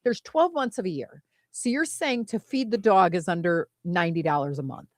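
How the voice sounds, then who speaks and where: A woman's voice: on the low side, moderate pace, darkish tone, no echo, studio quality. A woman in her fifties co-hosting a radio show in casual, blunt, argumentative chat. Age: 50s.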